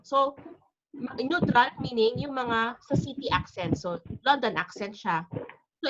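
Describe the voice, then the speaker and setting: A woman's voice: a little high, a bit bright, a little hiss or hum. Filipino woman teaching an online class. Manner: chatty, mixes Tagalog and English, asks "di ba?". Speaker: IELTS teacher. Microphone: video call. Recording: lo-fi video call audio.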